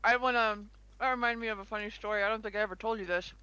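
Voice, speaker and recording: A woman's voice: fairly high pitch, fairly even intonation, rapid-fire, pushed and bright, clean tone, highs cut off. A young woman co-hosting a casual podcast chat, chatty and giggly, rambling with restarts. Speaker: co-host.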